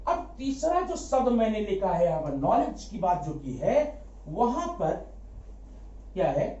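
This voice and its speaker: Slow, lively man teaching in an echoey room. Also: high voice. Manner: drills with quick rhetorical questions and answers them himself; repeats key words for emphasis. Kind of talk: classroom grammar lesson. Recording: echoey room, dull lo-fi sound.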